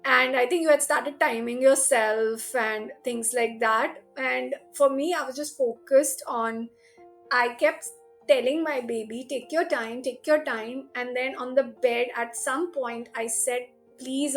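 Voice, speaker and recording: A woman tells a personal story in a casual, animated way. Her voice sits high, and she laughs often and drops in Hindi phrases. Soft music plays faintly behind her. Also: a little slow. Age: 30s. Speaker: guest sharing her birth story.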